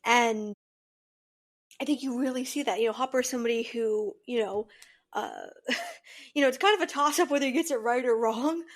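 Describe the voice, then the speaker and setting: A woman's voice: a little high, moderate pace, long pauses. A woman co-hosting a fan podcast, talking casually in an earnest, thoughtful, rambling way. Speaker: podcast co-host.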